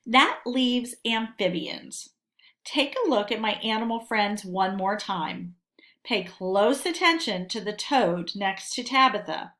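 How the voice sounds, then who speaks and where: Here a teacher, a woman with a medium-pitched, expressive and fairly bright voice, reads a lesson for kids. Her delivery is measured and instructive, built around questions she raises and then resolves.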